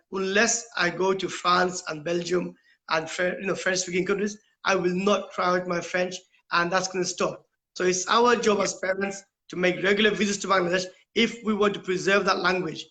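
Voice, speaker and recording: His voice is high-pitched, pushed and bright, with a steady tone at normal speed. The middle-aged British school principal gives earnest, explanatory interview answers, posing rhetorical questions and finishing points with "right?".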